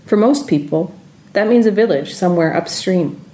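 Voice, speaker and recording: A woman reading her own personal essay in a calm, reflective manner. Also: fairly low pitch, moderate pace. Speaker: writer reading her story.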